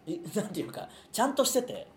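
Fast, blunt man teasing his co-host. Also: sits high, wildly swooping pitch, darkish tone, slight background noise. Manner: rough, teasing, blunt retorts. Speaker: podcast co-host. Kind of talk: casual comedy podcast banter.

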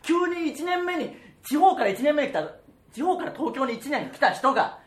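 Man from Okayama, comedy radio host, high lively voice, echoey room. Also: moderate pace. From Okayama, Japan. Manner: animated ranting.

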